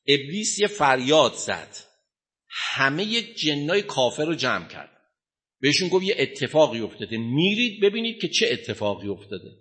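A man's voice: medium pitch, sharp tone. A man giving an emphatic religious lecture, quizzing his listeners, dictating notes and chanting scripture in Arabic. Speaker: religious teacher.

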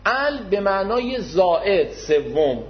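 A man gives an explanatory religious lecture, patient and formal, often repeating his key terms. His voice sits fairly high for a man. The recording is dull and lo-fi. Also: big pitch swings. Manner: modest, addresses listeners formally.

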